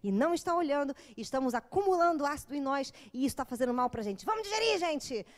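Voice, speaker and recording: A woman's voice: high voice, expressive, fast talker. A woman voicing an eager cell that urges the other cells to act, in an urgent, rousing way. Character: zealous cancer cell rallying the other cells.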